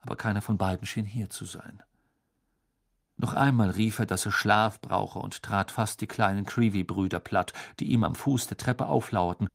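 Ein Mann liest ein Hörbuch ausdrucksvoll und dramatisch vor. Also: male voice, lowish voice, normal speed, creaky, no room sound, clean studio sound. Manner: expressive, dramatic storytelling. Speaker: audiobook narrator. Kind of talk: scripted audiobook narration.

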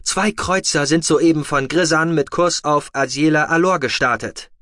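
A ship computer, which a man voices, reports in crisp, factual sentences. The voice sits raised, and the dry recording keeps it close. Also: on the high side, moderate pace, fairly bright tone, dry recording, pitched above the performer's own voice, natural voice. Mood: reporting.

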